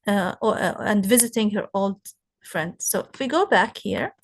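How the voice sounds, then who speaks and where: A woman teaching an English lesson, explaining slowly and asking her students questions as she goes. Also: medium pitch, animated, vocal fry. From Palestine. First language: Arabic. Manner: slow, explaining, asks rhetorical questions. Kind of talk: recorded classroom lesson.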